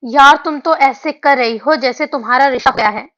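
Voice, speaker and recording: A sharp-tongued young woman who loses patience quickly , read by a woman narrator. The voice is fairly high and the recording is muffled and lo-fi. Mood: irritated. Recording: dull lo-fi audio.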